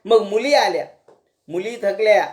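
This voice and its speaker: A man's voice: high voice, a little slow, darkish tone. A man giving a devotional discourse, retelling scripture folksily with rhetorical questions and chanted verses. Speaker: scripture storyteller.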